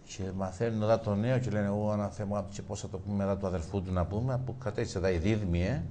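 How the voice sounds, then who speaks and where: A man telling jokes in a chat, acting out the characters and going high and loud at the punchlines. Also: steady tone, a little hiss or hum. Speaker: joke teller.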